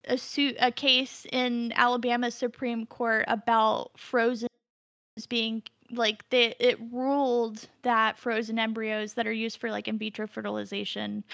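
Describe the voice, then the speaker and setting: Woman, podcast co-host, high pitch, bright tone, rambling casual chat. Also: creaky, no echo, clean studio sound. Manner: rambling, full of fillers and restarts.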